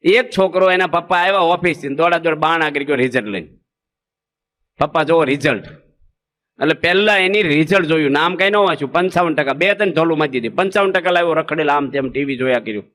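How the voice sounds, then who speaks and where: High-voiced Gujarati monk preaching with humor. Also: male voice, quick pace. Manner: lively, asks the audience rhetorical questions, acts out parents and children. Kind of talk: humorous sermon to a congregation.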